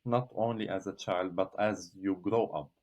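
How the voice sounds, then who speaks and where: Low-voiced thoughtful man from Gaza. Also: steady tone, a little mellow. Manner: measured, thoughtful, frequent hesitations. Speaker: podcast guest, researcher. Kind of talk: reflective interview answers.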